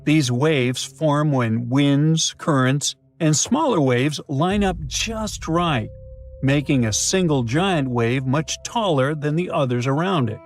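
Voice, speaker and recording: A man giving scripted educational narration, lively and breaking in with playful asides. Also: a little high, slow. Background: faint background music.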